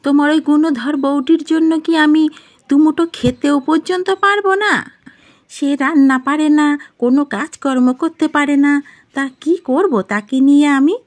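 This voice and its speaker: A woman voicing a scolding, nagging old mother-in-law in a cartoon story, high and complaining. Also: normal speed, natural voice.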